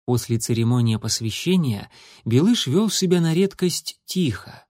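A man narrating a children's animal adventure in a steady, measured reading. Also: mid-range voice, no echo, studio quality. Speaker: audiobook narrator. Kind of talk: scripted storybook narration.

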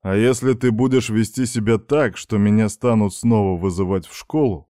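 Guy doing strict dad, firm and reproachful, lowish voice, dry sound. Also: fairly even intonation, moderate pace, mellow, no room sound, close to an everyday voice. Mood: stern. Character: stern middle-aged father, lecturing son.

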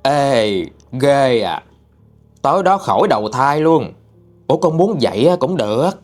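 A man voicing a stern, sharp-tongued old woman exorcist in a ghost story, with a Southern Vietnamese accent and a scolding, mocking manner. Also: medium pitch, very animated, unhurried, voice pushed up. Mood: threatening.

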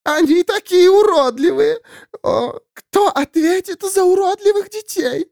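A man's voice: expressive, measured pace, vocal fry, darkish tone, no room sound, studio quality, exaggerated voice. A man voicing a wailing dead woman searching for her child in an audiobook story. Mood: wailing grief. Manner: shrill, wailing.

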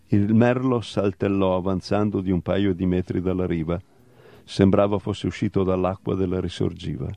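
A man reading a fable aloud in a measured storytelling manner. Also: low voice, vocal fry, dark tone, no room sound. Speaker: story reader. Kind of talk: scripted narration of a fable.

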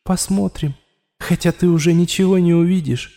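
A man performs a pleading, ominous voice inside the hero's skull for an audiobook. It sits a little high yet sounds mellow and dark. A long reverb tail hangs on every word. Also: fairly even intonation, moderate pace. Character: insistent alien voice inside a man's head.

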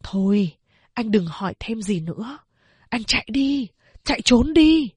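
Old mother figure, voiced by a woman reader, frantic, high strained pleading, husky, dry close sound. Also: animated, a little slow, no room sound, heavily acted. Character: elderly mother, frantic and tearful.

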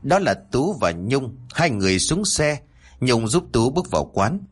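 A man narrating a horror story in an expressive, dramatic reading. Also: medium pitch, moderate pace, husky.

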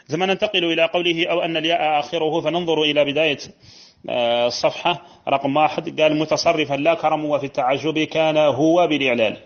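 A man teaching a lesson in morphology. He explains a verse text step by step, repeats key phrases and drops in colloquial asides. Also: fairly high pitch. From Mauritania. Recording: dull lo-fi lesson recording.

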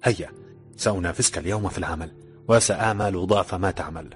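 A man's voice: sits low, fast talker, faint music behind, lightly acted. A man voicing a confident, teasing young laborer who slips into an Egyptian accent. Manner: cheerful, teasing.

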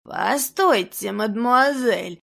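A woman reading a story and voicing a hunched old male antique dealer with a creaky voice, drawn out and slow. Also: mid-range voice. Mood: breathless.

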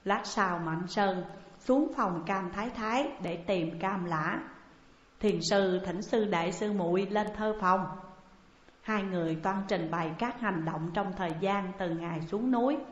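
A woman tells a martial arts tale as an audiobook narrator, reading at a steady, even pace in her mid-range voice. The recording sounds like a large echoey hall, and the sound is dull and lo-fi. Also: medium pitch, unhurried. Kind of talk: scripted narration.

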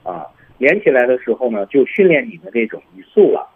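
Male radio English teacher, lively, slightly husky, tinny broadcast sound. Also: a little fast. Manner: lively, demonstrates lines with heavy stress and rising pitch. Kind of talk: radio language lesson.

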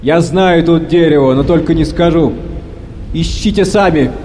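A man's voice: fairly high pitch, normal speed, mellow, a little hiss or hum, lightly acted. An actor playing a defiant old male sailor who mocks his captain, in an audio play reading. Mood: mocking. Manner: mocking, raised voice. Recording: long hall reverb.

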